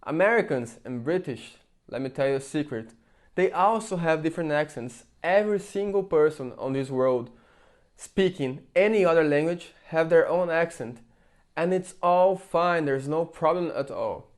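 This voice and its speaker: With a higher voice, lively intonation and a moderate pace, a man from Brazil vlogs in English from England. His Brazilian Portuguese accent colors a chatty, rambling opinion piece packed with fillers and restarts.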